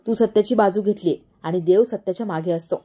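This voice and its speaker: A woman narrator puts on a secretive middle-aged aunt in a retold serial. She speaks low and confiding. The voice is warm and soft. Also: fast talker, slightly rough, natural voice.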